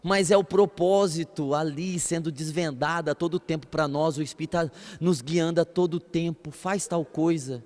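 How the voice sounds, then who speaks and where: Man, pastor preaching, fairly high voice, animated storytelling, long hall reverb. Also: normal speed, hardly any pauses. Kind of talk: sermon.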